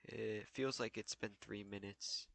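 In a dry recording with no room sound, a young man narrates a casual gameplay tutorial while playing, thinking aloud in a loose, filler-laden way. His gravelly voice is on the low side and a bit bright, with fairly even intonation and a slightly slow pace.

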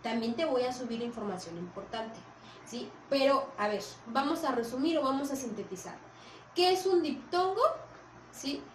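Patient Mexican woman teacher, high voice, echoey room. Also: animated, normal speed, far from the mic, a little hiss or hum. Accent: Mexican Spanish. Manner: patient, repeats points and checks understanding often. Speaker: primary school teacher. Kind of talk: recorded video lesson for children.

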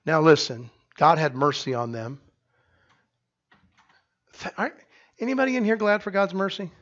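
A middle-aged pastor preaching a sermon, telling the story with lively acted-out voices that swing from quiet asides to loud cries. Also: male voice, on the high side, moderate pace, dull audio. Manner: animated storytelling, acting out voices and rising to shouts. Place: church sanctuary.

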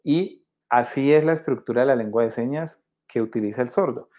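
A man's voice: mid-range voice, fairly quick, warm tone. Man teaching with constant "¿sí?" checks. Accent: Colombian Spanish. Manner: explanatory, frequent checking "¿sí?". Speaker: sign language teacher. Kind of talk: live-streamed virtual workshop. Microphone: webcam.

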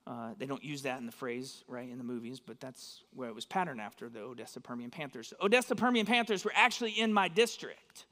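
Pastor preaching in an echoing sanctuary. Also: male voice, medium pitch, animated, brisk, hardly any pauses, bright, forceful tone. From West Texas. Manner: conversational, often checks in with "right?". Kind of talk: sermon. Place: church sanctuary. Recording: long hall reverb.

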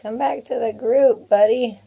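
A woman chatting casually as she films her family farm outdoors on a handheld phone, gentle with the animals. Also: fairly high pitch, fairly even intonation, measured pace, creaky, breathy edge. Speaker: homesteader filming family farm. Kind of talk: casual narrated farm vlog. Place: outdoors on a farm, in a small livestock shelter.

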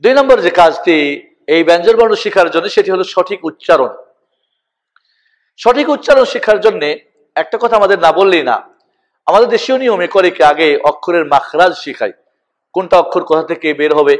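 A man teaching a lesson, slowly calling out each letter name for listeners to repeat. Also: high-pitched, lively intonation. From Bangladesh. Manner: slow, deliberate, spells out each letter name for repetition. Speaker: Quran teacher. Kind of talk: recitation lesson with call-and-repeat.

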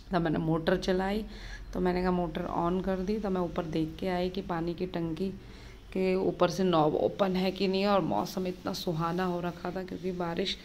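A woman in her thirties, a mother, narrating her busy morning in a casual daily vlog, chatty and hurried. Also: fairly low pitch, a little hiss or hum. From Uttarakhand, India. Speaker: vlogger, mother of two.

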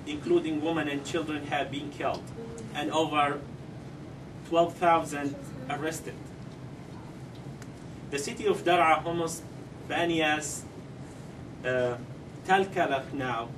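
Seated at a table in a conference room, a middle-aged man from Syria, a parent, gives a halting prepared press statement and then fields questions. His voice is a little high, and his speech carries many ums and non-native grammar. Table microphones are in use, yet he comes through a far camera, with distant sound and steady background noise.

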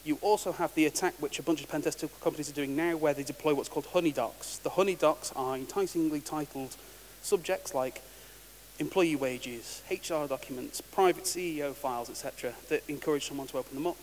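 A conference speaker with a slightly high voice talks a little fast, delivering a casual, wry technical talk and often restarting words. He's in a large conference hall, and the recording is reverberant with faint hiss.

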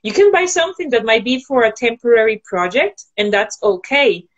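A woman guest on a video call from home, giving advice in a thoughtful, halting way with frequent fillers. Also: a little high, big pitch swings, highs cut off. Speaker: guest sharing sustainability tips. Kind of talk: casual video-call interview. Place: indoors at home.

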